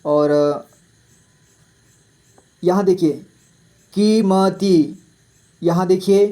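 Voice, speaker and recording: A man teaches a beginner's reading lesson in a slow, deliberate voice. He pronounces every word twice and stops to explain each spelling. His tone is mellow and soft, pitched fairly high for a man. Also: fairly even intonation. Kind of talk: Hindi reading lesson for children.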